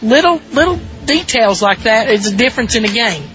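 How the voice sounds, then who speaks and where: Southern woman calling softball, dull broadcast sound. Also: on the high side, animated, a little fast, soft background music. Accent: Southern American. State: weak voice. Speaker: sports broadcaster. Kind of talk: pregame softball commentary, folksy and conversational.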